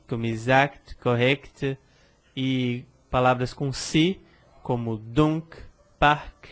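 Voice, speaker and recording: A man's voice: medium pitch, fairly bright tone. A man teaching French pronunciation in a casual video lesson, explaining patiently and checking in with the viewer, with a Brazilian Portuguese accent. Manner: friendly, explanatory, frequent tag questions.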